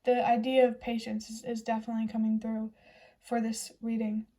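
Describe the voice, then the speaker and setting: A young woman giving a casual, reassuring tarot reading to her viewers in a gentle, chatty way. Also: on the high side, completely flat delivery, a little fast. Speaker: tarot reader.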